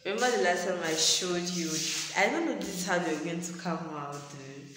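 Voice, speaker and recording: A woman from Cameroon vlogging a house tour, gushing over new tiles and rooms, recorded on a low-quality old phone held in her hand. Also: expressive, normal speed, a bit bright. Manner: gushing, exclaims wow and oh my god. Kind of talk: casual house-tour vlog. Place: empty newly tiled rooms of a house, indoors. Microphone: handheld old phone. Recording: echoey bare rooms, hissy noisy phone audio.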